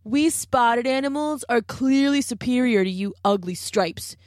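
A woman's voice: fairly high pitch, unhurried, a little mellow, dry recording, studio quality, pitched above the performer's own voice, close to an everyday voice. A woman voicing a proud, boastful male cheetah in a storybook, spitting out scornful words.

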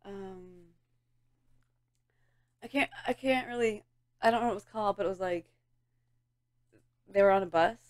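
A woman co-hosting a loose podcast chat at an ordinary middle pitch for a woman. She rambles and giggles, fills her sentences with "like", and often lets them trail off quietly. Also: normal speed, long pauses. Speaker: podcast co-host. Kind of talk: casual chat.

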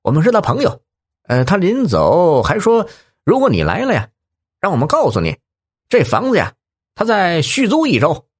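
A man playing a gruff, low kidnapper. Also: huge pitch swings, moderate pace, dry recording, clean studio sound, exaggerated voice. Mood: gruff, scheming. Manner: gruff, blustering, swearing. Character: tall gruff male kidnapper, bossy. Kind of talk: audiobook character voice.

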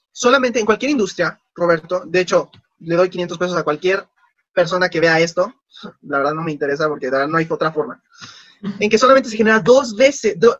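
A man's voice: high voice, dry recording, dull audio. A man, casually telling stories in an interview and acting out the dialogue. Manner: animated, acts out quoted dialogue. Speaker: guest.

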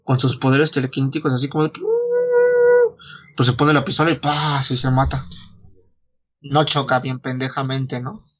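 A man's voice: mid-range voice, flat delivery, moderate pace, pauses often, a bit bright, breathy edge, highs cut off. A Mexican man retelling a story in casual chat, slangy and foul-mouthed, acting out the dialogue as he goes. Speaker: podcast host retelling a story.

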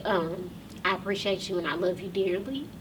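A woman's voice: on the low side, steady tone, moderate pace, far from the mic, slight background noise. A woman hosting her own podcast and talk show, speaking casually to viewers in a loose, chatty way with many ums, close to tears.

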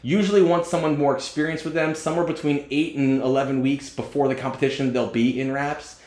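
A man's voice: a little high, fairly even intonation, a little fast, a little mellow, reverberant. A man in his forties, a strength coach and podcast host, talking bluntly and joking in casual chat. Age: 40s.

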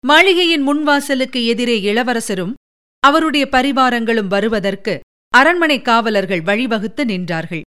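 Woman narrator, historical novel reading, steady delivery, smooth clear tone, fairly high pitch. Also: unhurried.

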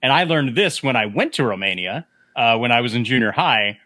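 A man with a bright, forward voice hosts a casual film discussion. He talks in an animated way and slips into breathy whispered quotes. The sound is close and dry. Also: mid-range voice, brisk, no room sound. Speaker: podcast host.

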